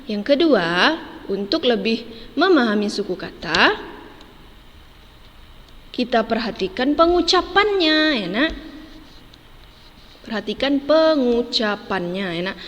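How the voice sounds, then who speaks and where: A woman's voice: on the high side, big pitch swings, takes it slowly, long pauses, a bit bright, in a large hall. A woman teaching a children's lesson, patiently spelling words out syllable by syllable and tagging "ya, Nak" onto every phrase. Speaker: primary school teacher.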